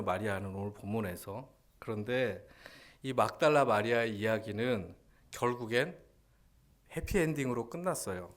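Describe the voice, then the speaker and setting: Man, pastor, Sunday sermon, fairly low voice, emphatic, rhetorical questions. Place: church sanctuary.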